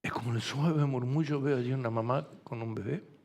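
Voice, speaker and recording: A man with a Rioplatense accent, a pastor preaching a sermon, moving from soft gentle speech to loud fervent preaching. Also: medium pitch, brisk. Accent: Rioplatense Spanish. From Argentina. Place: church hall. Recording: long hall reverb.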